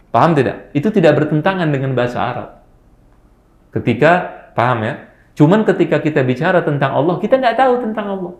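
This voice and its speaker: A man teaching a religious study class, reciting Arabic verse slowly, mixing in Arabic words and quizzing his listeners with quick questions. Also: medium pitch, reverberant. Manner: mixes Arabic words into speech. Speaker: Islamic teacher. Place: study room at an organization office.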